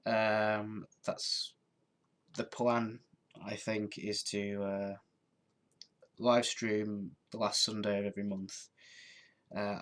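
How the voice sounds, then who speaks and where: A man in his twenties with a somewhat low voice chats casually on a live stream while fighting a head cold. He sounds tired and congested, rambling and restarting his sentences.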